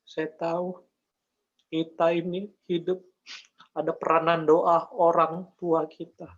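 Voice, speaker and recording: A man's voice: a little high, level tone, slow, highs cut off. A man giving an emotional faith testimony, earnest and repetitive, speaking directly to his listeners. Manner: earnest, repeats phrases, addresses listeners as brother and sis.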